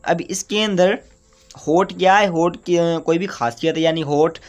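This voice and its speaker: A man's voice: fairly high pitch, unhurried. A man in a grammar lesson with an Urdu-influenced accent, explaining step by step and often asking and then answering his own questions. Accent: Urdu-influenced Hindustani. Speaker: grammar teacher.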